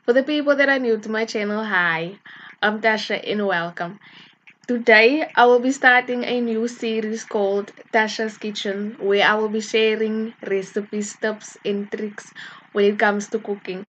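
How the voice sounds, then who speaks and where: A woman's voice: medium pitch, steady tone, unhurried, a bit bright, muffled recording, slight background noise. A woman with a South African accent narrating a step-by-step cooking tutorial as a vlogger, giving politely worded instructions. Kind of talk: scripted how-to tutorial narration. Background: faint music.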